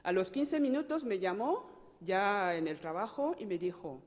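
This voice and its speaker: A woman's voice: mid-range voice, expressive, darkish tone. Fervent woman. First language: French. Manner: emotional, fervent, halting at times. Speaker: church member giving testimony. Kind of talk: spoken church testimony. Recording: long hall reverb.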